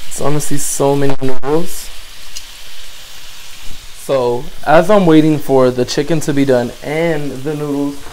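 A man's voice: a little high, a little slow, long pauses, rough recording. A man casually talking through a home cooking vlog at his stove, chatty and loose. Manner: chatty, loose, says honestly and like a lot. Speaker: cooking vlogger. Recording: steady background noise with pan sizzle.

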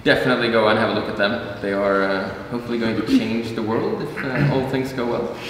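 A man hosting a fireside chat before an audience in a university lecture hall, talking in a relaxed, chatty way with fillers. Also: medium pitch, fast talker, recorded from a distance, a little hiss or hum. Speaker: event host and interviewer. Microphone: far camera, seated on a desk. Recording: echoey hall heard from afar.

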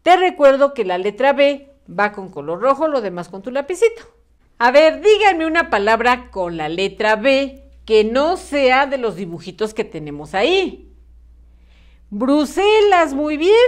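A woman's voice: high voice, big pitch swings. Patient woman teaching spelling to children. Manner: patient, encouraging, slow and clear dictation. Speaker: primary school teacher.

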